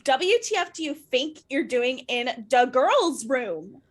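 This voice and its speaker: A woman's voice: high voice, sing-song, takes it slowly, heavily acted. A woman voicing an angry, sarcastic teenage goth girl in an exaggerated, indignant comedic dramatic reading. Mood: outraged.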